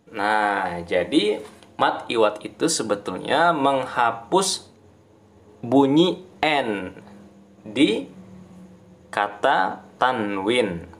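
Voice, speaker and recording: A man teaching a recorded religious lesson, explaining slowly and chanting Quranic examples in a drawn-out recitation. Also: mid-range voice.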